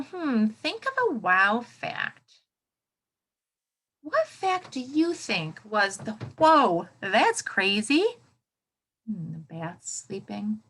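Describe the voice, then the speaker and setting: In a rough recording, a teacher with an American accent reads a story to kids, adding commentary, exclamations and questions for them. She speaks in the mid range, and her voice sounds bright, pushed and a little rough.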